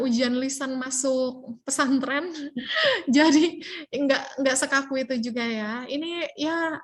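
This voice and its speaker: A young woman giving a casual workshop lecture on an English test, chatty and full of little "ya" tags, slipping English terms into her explanations. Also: high-pitched. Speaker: IELTS tutor.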